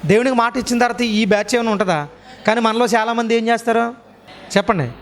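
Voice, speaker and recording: A man's voice: extremely high pitch, fairly even intonation, fast talker. A male preacher giving a sermon to a congregation in a church, firing repeated rhetorical questions and urging the listeners to answer aloud. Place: church hall.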